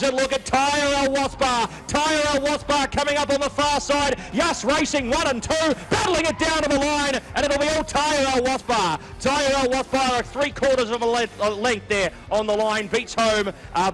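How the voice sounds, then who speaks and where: A man's voice: extremely high pitch, a bit bright, low-quality recording. A man calling a horse race live as a race caller, in short running phrases. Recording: music playing behind the voice. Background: music.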